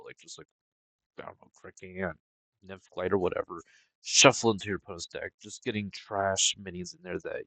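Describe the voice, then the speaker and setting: A man's voice: deep voice, a bit bright, dry recording. A man casually reviewing game cards, rambling with lots of fillers in a laid-back way. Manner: rambling, heavy on fillers and hedges; laid-back, sometimes yawning.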